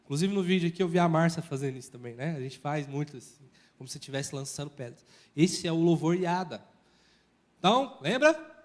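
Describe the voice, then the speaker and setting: A man preaching a sermon as pastor in a church, lively and urging the congregation to repeat words and shout. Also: fairly high pitch. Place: church hall with live congregation.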